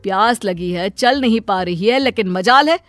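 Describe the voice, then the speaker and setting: A woman voicing a short-tempered middle-aged father in a cartoon story, speaking in a brisk, scolding way. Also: mid-range voice, fairly bright tone, faint music behind, natural voice.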